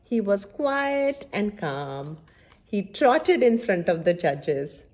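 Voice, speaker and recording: A woman reads aloud from a children's picture book, going slowly with a lively, varied pitch. She hosts story time, breaking in with simple asides to her young audience and often checking that they're keeping up.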